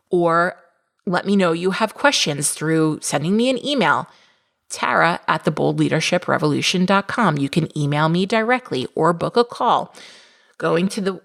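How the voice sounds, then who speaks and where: A woman's voice: lowish voice, gravelly. A middle-aged woman hosting a solo business podcast, talking in a chatty, encouraging way with casual fillers. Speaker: podcast host and business coach.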